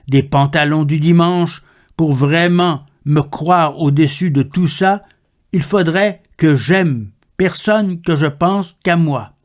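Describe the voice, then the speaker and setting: A man reading poetry aloud in a measured, deliberate recitation. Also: a little high. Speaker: poetry reader.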